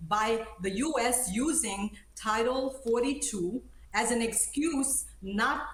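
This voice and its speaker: Speaking slowly in a slightly high voice, a woman appears as an attorney guest on a live news interview, her tone emphatic and indignant. She was born in Haiti and raised in the United States. Her voice echoes in a roomy space.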